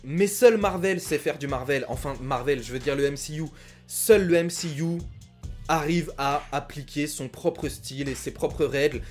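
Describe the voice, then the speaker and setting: A man's voice: a little high, moderate pace, faint music behind. A young man giving a frank, critical film review in a casual talk, with many filler sounds.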